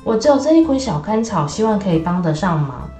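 A woman's voice: mid-range voice, sing-song, fast, mellow, close to an everyday voice. A woman voicing a kind, helpful male ox in a children's story, speaking in a friendly, reassuring way. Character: kind, helpful, strong ox uncle. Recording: echoey room with faint music.

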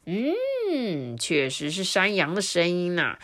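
A sly, greedy one-eared wolf savors the thought of his next meal in a storybook reading, as a woman puts him on. He talks slowly and with relish. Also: lowish voice, wildly swooping pitch, fairly bright tone, exaggerated voice. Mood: sniffing cautious.

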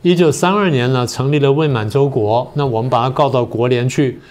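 An older man, a political science professor and guest on a talk show, explaining history in a slow, methodical way. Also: mid-range voice, a little mellow. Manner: methodical, explains step by step with many pauses.

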